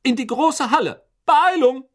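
A man's voice: very high voice, animated, unhurried, voice pushed up, heavily acted. A man voicing a stern, strict older female teacher who barks commands, in an audiobook reading. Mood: brisk commanding. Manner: barking, commanding.

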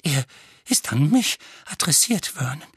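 Man doing a trembling shrill aunt, raised voice, jumpy. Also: big pitch swings, measured pace, fairly bright tone, breathy edge, dry recording, clean studio sound, heavily acted. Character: tense, fearful aunt, sharp-tongued woman.

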